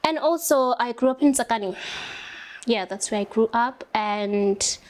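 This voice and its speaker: Doing her makeup, a young adult woman from South Africa talks casually in a South African accent, using "like" constantly and drawing out her words. Her voice is a little high, and there's a faint hiss or hum in the clip.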